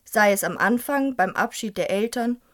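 A woman's voice: mid-range voice, normal speed, a bit bright. Young woman reviewing and reading a book. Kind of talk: scripted book review with a read-aloud excerpt.

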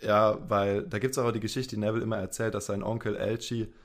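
A man's voice: fairly low pitch, level tone, fairly quick. A man hosting a podcast in casual chat, explaining things at length with fillers. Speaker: podcast host.

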